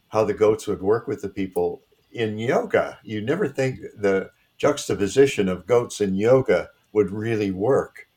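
Deep-voiced guy host, friendly, lots of uhs as he asks stuff. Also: darkish tone. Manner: friendly, hesitant, many "uh" pauses. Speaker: podcast host. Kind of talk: interview questions.

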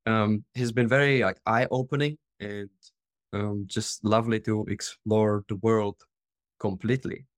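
A man's voice: lowish voice, steady tone, a little slow, dry recording, clean studio sound. Earnest young man from Czech Republic. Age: 20s. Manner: earnest, open, with frequent fillers. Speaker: podcast guest. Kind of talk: casual interview storytelling.

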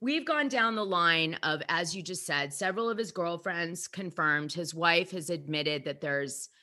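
A woman hosting a casual podcast chat, blunt and animated, often swearing. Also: lowish voice, measured pace.

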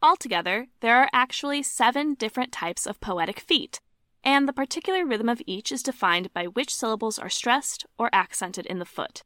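A woman's voice: fairly high pitch, expressive, moderate pace, bright, forceful tone, dry recording, studio quality. A woman co-hosting a podcast, reading a scripted explainer in a playful way and sounding out rhythms aloud. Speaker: podcast co-host.

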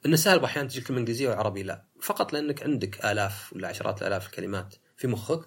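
A man's voice: on the low side, animated, very fast, creaky, husky. A man hosting a solo talk podcast, arguing his point and mimicking other people's lines. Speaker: podcast host.

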